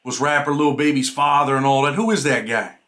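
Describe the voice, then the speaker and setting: A man's voice: mid-range voice, steady tone, brisk, bright, forceful tone. A man interviewing someone by phone, asking direct questions in an informal way. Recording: noisy recording with clicks.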